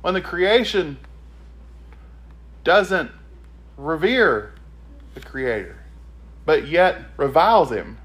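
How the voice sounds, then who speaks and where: A male preacher gives a sermon in a high, a bit bright voice that leaps up and down, speaking slowly with frequent pauses and an animated manner. He stresses key words heavily and keeps putting rhetorical questions to the congregation. His scripture reading flows straight into plain exhortation.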